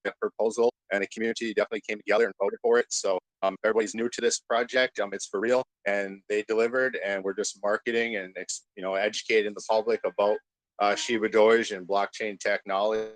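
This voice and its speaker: A man's voice: on the low side, flat delivery, fast, dry recording, low-quality recording. A man speaking in a casual group voice chat, with his call audio breaking up. He talks in an upbeat, eager way. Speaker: community member calling in.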